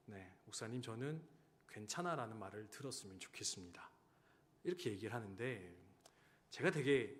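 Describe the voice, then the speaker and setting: A man in his thirties, a pastor giving a sermon, who tells stories and swings between loud urging and hushed, quiet lines. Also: medium pitch. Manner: storytelling, swinging from loud exhortation to hushed tones. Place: church sanctuary. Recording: church hall reverb.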